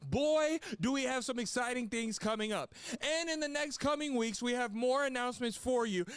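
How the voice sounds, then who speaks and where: A man delivers a comedic podcast intro like an exuberant showman. His voice is extremely high for a man and very clear. He piles up playful repetitions in a dry, close recording. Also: moderate pace, fairly bright tone, no room sound. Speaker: podcast host.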